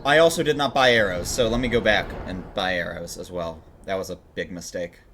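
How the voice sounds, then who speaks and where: A man's voice: deep voice, a little fast, a bit bright, slight background noise. A man chatting casually on his game stream, joking and laughing often. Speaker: livestreaming speedrunner.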